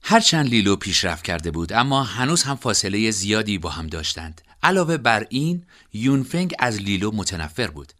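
A man narrating an audiobook in an expressive storytelling manner. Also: fairly low pitch.

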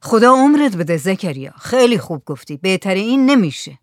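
A careful older village headman, voiced by an audiobook reader frets over what could go wrong. The voice sits at a middle pitch and sounds close and dry. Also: very animated, no room sound. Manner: worried, careful.

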